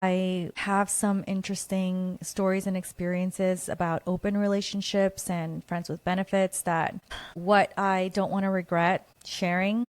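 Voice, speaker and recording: A woman's voice: on the low side, level tone, unhurried, smooth, dry recording. A woman from Guatemala hosting her own podcast, talking in an earnest, reflective and openly personal way. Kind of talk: personal solo monologue.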